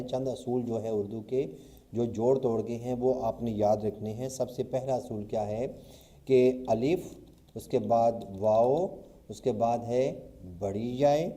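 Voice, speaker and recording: A male teacher giving a recorded computer lesson, explaining patiently and repeating sounds slowly to demonstrate them, with frequent checks that students follow. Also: medium pitch, dark tone. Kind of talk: recorded screen-capture lesson.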